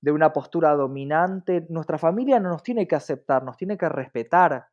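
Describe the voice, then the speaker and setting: A diversity advocate being interviewed, this man has an Argentine Spanish accent and a slightly high voice at a moderate pace. He explains articulately and emphatically, frequently using rhetorical checks, and the lo-fi sound is dull and muffled.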